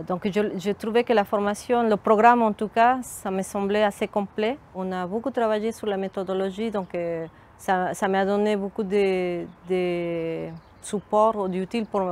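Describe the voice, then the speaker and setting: A woman's voice: mid-range voice, steady tone, unhurried, darkish tone. Mexican-accented middle-aged woman, thoughtful. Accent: Mexican Spanish. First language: Spanish. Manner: thoughtful, hesitant, frequent restarts. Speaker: community outreach worker. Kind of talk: documentary interview testimony.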